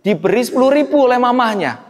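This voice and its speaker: A priest giving a sermon, telling stories with acted dialogue and swinging between loud and soft. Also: male voice, extremely high pitch, very animated, quick pace. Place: church. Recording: echoey church hall.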